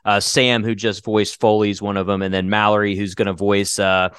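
Low-voiced man hosting a podcast, rambling. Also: flat delivery, normal speed, fairly bright tone, smooth, no echo, clean studio sound. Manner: rambling, lots of fillers and restarts. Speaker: podcast host and writer. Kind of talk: casual chat.

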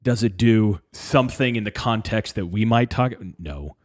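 A man's voice: lowish voice, animated, moderate pace, no echo, clean studio sound. A man in a casual discussion who thinks aloud, restarting and correcting himself as he goes.

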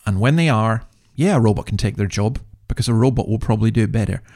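This podcast host is a man whose voice is fairly low and a little mellow, and he talks fast. He gives informal, rambling commentary in a conversational style, correcting himself as he speaks.

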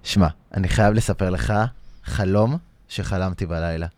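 A man's voice: sits low, no room sound. A man co-hosting a podcast, telling a story in casual chat and acting out the other people in it. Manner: animated, acts out shouting voices in his story. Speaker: podcast co-host.

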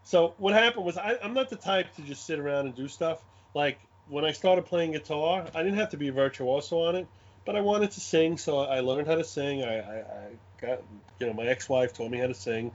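A man with a Brooklyn accent chatting casually in an animated, rambling way, often repeating his phrases. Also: fairly high pitch, brisk. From Brooklyn, New York. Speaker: guest, game scenario designer. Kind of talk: casual chat, anecdotes. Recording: dull lo-fi audio.

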